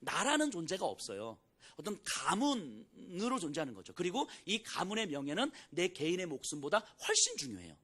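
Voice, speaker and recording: A man's voice: high voice, wildly swooping pitch, moderate pace, pushed and bright, slightly rough. A man pastor giving a Sunday sermon in a conversational way, retelling scripture scenes in everyday speech. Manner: conversational preaching, acts out biblical dialogue in casual speech.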